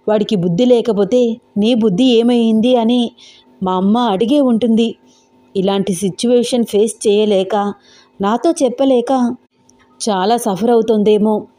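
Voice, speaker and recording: A woman's voice: a little high, warm tone, natural voice. A woman voicing an anxious young husband who keeps questioning himself, in a storybook reading.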